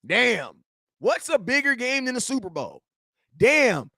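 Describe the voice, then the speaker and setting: A man, reading and answering viewer chat in a slangy, animated sports rant. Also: extremely high pitch, measured pace, creaky, no echo, clean studio sound. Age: 40s. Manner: animated, slangy trash talk, shouts at chat. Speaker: sports fan streamer.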